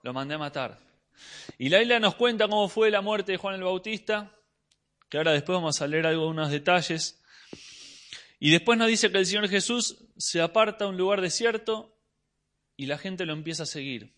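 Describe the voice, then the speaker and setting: A man preaching a sermon, retelling the story expressively and letting his voice sink low at the ends of phrases. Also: expressive, normal speed, fairly bright tone.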